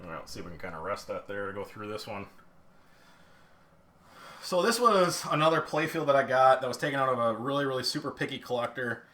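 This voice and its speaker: He talks fast and expressively, with a sharp edge to his mid-range voice. Streaming a pinball teardown, he shows the playfield up close while rambling, restarting sentences, filling gaps with filler words, and running himself down.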